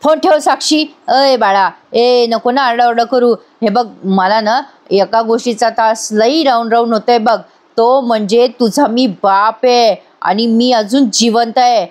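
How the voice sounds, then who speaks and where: A woman voicing a rough criminal father, talking slowly in a hushed, urgent way. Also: on the high side, natural voice. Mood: soothing. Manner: slow, hushed, urgent scolding.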